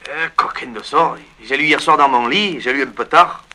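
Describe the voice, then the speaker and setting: A man's voice: medium pitch, moderate pace, bright, forceful tone. A young man with a Provençal accent playing a sleepy son making sheepish excuses to his father.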